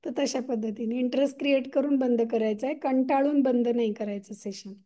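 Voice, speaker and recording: A woman with a high voice explains a lesson to parents. She stops now and then to ask whether her listeners follow. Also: fairly even intonation, brisk, warm tone. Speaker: co-presenter restating the lesson.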